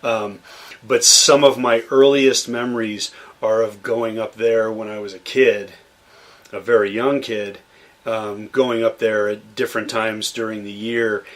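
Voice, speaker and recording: A young man from Massachusetts, guesting on a podcast, tells childhood stories in relaxed, conversational fashion. His low-leaning voice is steady and measured in pace, though his storytelling rambles loosely with many fillers and restarts.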